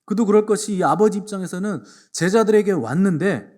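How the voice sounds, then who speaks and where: A male pastor delivering a Sunday sermon, retelling scripture with acted-out dialogue and sudden swings from quiet to forceful. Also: high voice, a little fast. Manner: acts out biblical speakers in dialogue, swings between hushed and emphatic.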